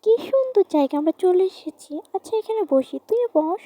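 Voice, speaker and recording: A woman's voice: very high voice, expressive, normal speed, mellow, no room sound. A woman playing a bold teasing young woman. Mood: casual. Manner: brash, teasing. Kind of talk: amateur horror audio drama.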